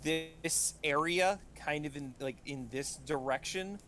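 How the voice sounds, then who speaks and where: A man narrating as game master of a tabletop game, pausing often with fillers and restarts. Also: fairly high pitch, fairly bright tone, slight background noise. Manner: halting, many fillers and restarts.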